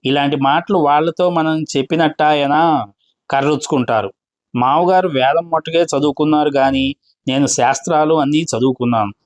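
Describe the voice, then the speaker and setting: A man's voice: a little high, moderate pace, no echo, close to an everyday voice. A man voicing a boastful, self-important male tutor in a read-aloud play, lecturing in a pompous way.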